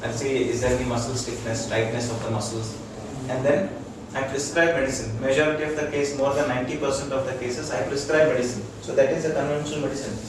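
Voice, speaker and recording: In an echoey room with a far-off mic and plenty of noise, a doctor with an Indian accent teaches integrative medicine to a small group. His mid-range voice is flat and fast, with few pauses. He keeps his informal explanations to short, repeated phrases and checks that his listeners keep up.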